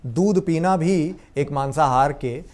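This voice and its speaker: A man's voice: on the high side, takes it slowly, a little mellow. A man interviewing a spiritual teacher, posing questions respectfully and murmuring agreement often. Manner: deferential, frequent affirming murmurs.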